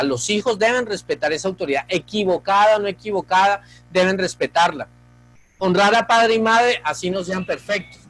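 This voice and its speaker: A man's voice: sits high, a bit bright, poor audio. A male pastor preaching a sermon, earnest and speaking straight to the congregation.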